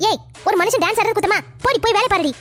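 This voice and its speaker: A snappy, dismissive middle-aged wife in a cartoon family drama, as a woman puts her on, high-pitched and quick. She sounds defiant, and soft music runs behind her. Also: lively intonation.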